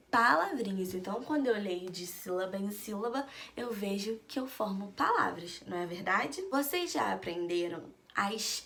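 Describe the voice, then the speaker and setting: Slow, sing-song woman teaching children. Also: medium pitch, creaky, fairly bright tone. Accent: Brazilian Portuguese. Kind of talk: children's reading lesson.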